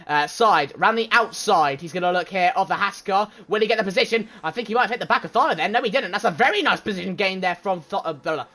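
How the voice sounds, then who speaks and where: A man giving excitable live commentary on a sim race and chatting with his viewers. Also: high voice. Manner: excitable, swears when shouting, chats with viewers.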